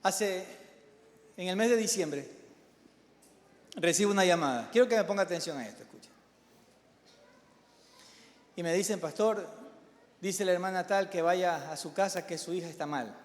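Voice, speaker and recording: A middle-aged male pastor with a high voice preaches a live sermon. He urges his hearers with emphatic repetition, then drops into quiet storytelling. The recording carries the long reverb of a large church hall. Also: moderate pace, pauses often.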